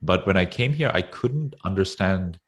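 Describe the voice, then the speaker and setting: Male guest in his 30s, very low voice, easygoing and chuckly, video-call audio. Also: normal speed, slightly rough. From Sri Lanka. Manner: relaxed, chuckles often, hesitant fillers. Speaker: interview guest. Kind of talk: casual interview talk.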